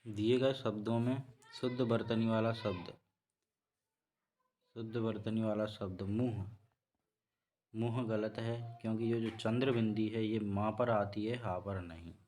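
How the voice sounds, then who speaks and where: A man teaching a spelling lesson for exam preparation, repeating each word slowly and correcting himself as he goes. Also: lowish voice, steady tone, mellow, a little hiss or hum. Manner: slow, repetitive explaining, self-correcting. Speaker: Hindi teacher.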